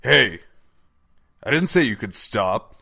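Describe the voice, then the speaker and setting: A man's voice: on the low side, sing-song, slow, vocal fry, pushed and bright, dry recording, studio quality, exaggerated voice. A man playing a pompous, scheming and boastful evil pony king in a comic audio drama, with grandiose, theatrical delivery. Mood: haughty.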